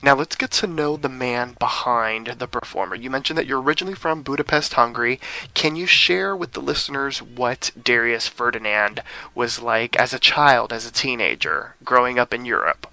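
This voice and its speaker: A man's voice: mid-range voice, normal speed, vocal fry, sharp tone. A man hosting a radio interview show in an upbeat, enthusiastic way. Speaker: host.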